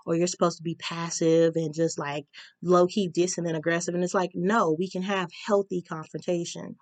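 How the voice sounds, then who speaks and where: A young woman giving a casual tarot reading, talking frankly and slowing down to stress her advice. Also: fairly low pitch, no echo. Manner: candid, advice-giving, slows down for emphasis. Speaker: tarot reader.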